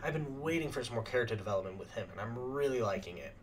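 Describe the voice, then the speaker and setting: A young man hosting a reaction channel who chats casually and rambles with lots of fillers, clearing his throat as his voice starts to go. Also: medium pitch, animated, racing, slight background noise. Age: young adult. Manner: rambling, filler-heavy chatter.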